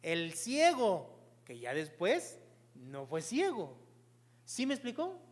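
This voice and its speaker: A man's voice: sits high, huge pitch swings, slow, big-room sound. A man preaching a sermon as pastor, earnestly explaining and asking the congregation rhetorical questions.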